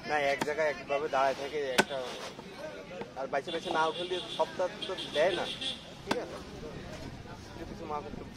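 A man's voice: on the high side, fairly even intonation, brisk, long pauses. A man in casual chat at an outdoor fish market, giving short, encouraging replies. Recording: loud outdoor market crowd. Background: busy crowd noise.

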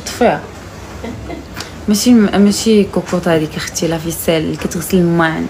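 Young moroccan woman chatting on a live stream, talks fast, teasing, faint noise behind her. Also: fairly low pitch. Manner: chatty, teasing, calls out loudly to her mother. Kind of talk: casual live-stream chat.

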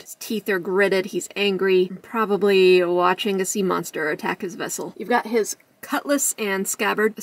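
A chatty woman talks through a toy review, cracking jokes and laughing as she goes. She sits a little back from the mic, at a middle pitch. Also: distant mic. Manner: chatty and jokey, laughs often.

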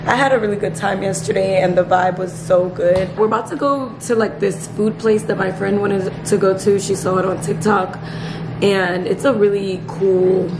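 A woman's voice: medium pitch, steady tone, normal speed, background noise. A woman talking casually and upbeat in slangy vlog chat, her voice a little worn. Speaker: vlogger.

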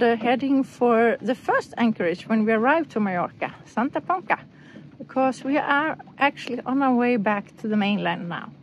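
A middle-aged woman casually narrating her sailing vlog aboard a boat, relaxed and chatty, with frequent restarts and fillers. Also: high voice, a little hiss or hum, poor audio. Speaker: sailing vlogger. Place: on a sailboat at sea. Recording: music playing under the voice.

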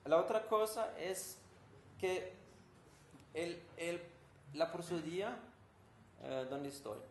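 A man's voice: a little high, expressive, slow. A man from Denmark with a Danish accent, a composer giving an informal talk to an audience, who asks them questions and sometimes searches for words. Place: room with an audience. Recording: roomy, with faint room noise.

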